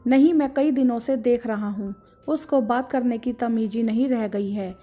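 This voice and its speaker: Give me a scolding, caring older husband, as a woman reads him, a bit high and mellow. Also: moderate pace, lightly acted. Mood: concerned. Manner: scolding, indignant. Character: stern caring middle-aged husband, older brother.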